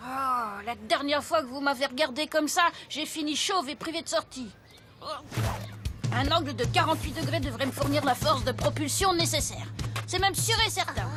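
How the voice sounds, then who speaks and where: A woman voices a nerdy schoolboy sidekick for a cartoon. His voice is very high, bookish and wary. There is music behind it. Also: moderate pace, close to an everyday voice. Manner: bookish, anxious. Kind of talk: French animated series dialogue.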